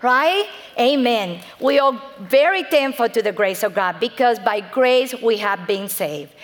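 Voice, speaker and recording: A middle-aged woman with a Cuban Spanish accent gives an earnest church testimony in a voice pitched a bit high. She reads scripture aloud and calls out to the congregation, and her voice rings with a long reverb from a large hall. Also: lively intonation, measured pace. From Cuba. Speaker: speaker giving her testimony.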